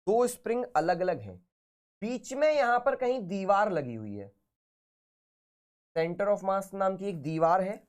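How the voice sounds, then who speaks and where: A man with a sore, hoarse throat teaching physics in a casual, chatty live online class. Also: sits high, darkish tone. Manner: casual, chatty, talks to students informally.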